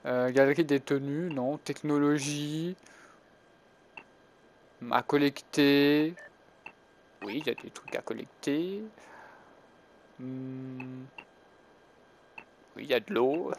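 A man's voice: medium pitch, slow pace, long pauses, a little hiss or hum. A young man musing through gameplay commentary as a gaming YouTuber, hesitant and chuckling to himself. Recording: music playing behind.

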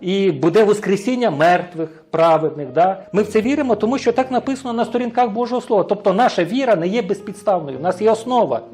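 A man's voice: high-pitched, fast, few pauses, a little mellow, soft background music. A man with a Ukrainian accent preaching a sermon, often asking the congregation questions and answering them himself, sometimes stumbling and restarting words. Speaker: pastor.

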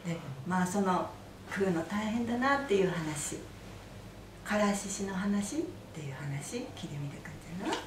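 A woman storyteller with an Aizu Fukushima dialect telling a traditional folk tale in a gentle, rhythmic way at an inn hall gathering. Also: medium pitch, lively intonation, moderate pace. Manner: gentle, rhythmic with repeated sentence-final "dato". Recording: roomy hall from a distance, faint noise.

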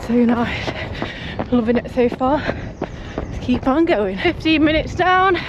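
A woman's voice: high voice, expressive, a little slow, lo-fi sound. British woman vlogging while jogging. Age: young adult. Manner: talking while jogging, breathy with exertion. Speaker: running vlogger. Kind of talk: casual vlog chat. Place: outdoors on paths and streets. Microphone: camera held at arm's length. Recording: noisy outdoor handheld camera.

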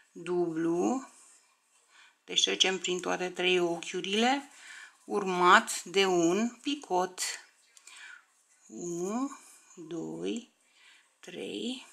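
A woman's voice: fairly low pitch, gravelly, long pauses, bright, forceful tone. A woman teaching a crochet tutorial step by step, counting stitches aloud, often under her breath, and checking in with viewers.

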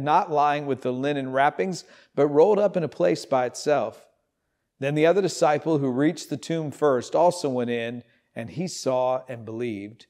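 A man in his fifties, a pastor, preaching and reading scripture in an animated storytelling way, in an empty church. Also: a little high. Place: empty church sanctuary, indoors.

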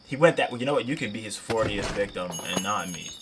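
A man's voice: lowish voice, animated, fast talker, very noisy. A man giving casual, reactive horror game commentary as a streamer, spooked and exasperated, grumbling and swearing. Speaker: game streamer doing a playthrough.

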